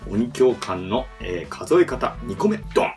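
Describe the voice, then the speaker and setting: A man's voice: mid-range voice, big pitch swings, a little slow, music in the background. A man in his thirties hosting a casual, comedic presentation with a partner in a small room. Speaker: host, member of a comic duo presenting. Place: small plain room indoors. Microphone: camera a short distance away.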